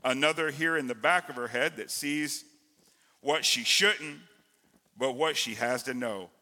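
A man's voice: medium pitch, unhurried, bright, forceful tone. Guy reading god the tireless maker, earnest, ringing church hall. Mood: fond. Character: God, male creator, tireless and fond. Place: church sanctuary.

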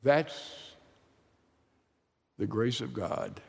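Dramatic preacher swinging from loud to hushed. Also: male voice, medium pitch, expressive, creaky, breathy edge. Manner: swings from loud declaring to hushed, drawn-out phrases. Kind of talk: dramatic sermon storytelling. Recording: long reverb of a large hall.

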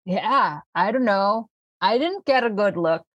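A man's voice: high voice, animated, a little slow, fairly bright tone, dry recording, lo-fi sound, full character voice. A woman voicing a laid-back male stoner who rambles on with lots of fillers in a tabletop role-play. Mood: rambling.

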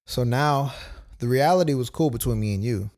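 A man's voice: medium pitch, moderate pace, darkish tone. A young man casually telling a personal story as a podcast co-host, loose and full of quoted asides. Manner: laid-back, storytelling with many "like"s and quoted asides.

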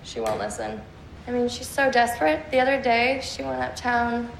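A woman's voice: fairly high pitch, steady tone, moderate pace, creaky, echoey room, slight background noise, poor audio. An actress playing a catty, gossipy young woman in the modeling industry, from a played-back clip. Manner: mocking, gossipy.

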